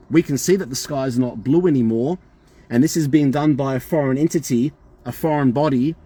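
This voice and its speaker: A man's voice: on the high side, darkish tone, husky. An Australian man calling a hotline, talking in an insistent, emphatic and repetitive way. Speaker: caller. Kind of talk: phone call complaint.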